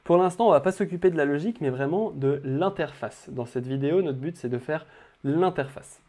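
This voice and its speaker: Casual young French-speaking coding tutor. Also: male voice, fairly high pitch, brisk, darkish tone. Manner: casual, addresses viewer directly, frequent fillers. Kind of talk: screen-recorded coding tutorial.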